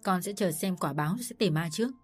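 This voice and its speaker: Casting: a woman as a cool, curt young wife, low-voiced, storybook. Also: fast talker, faint music behind, close to an everyday voice. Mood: defiant. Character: defiant calm young daughter-in-law.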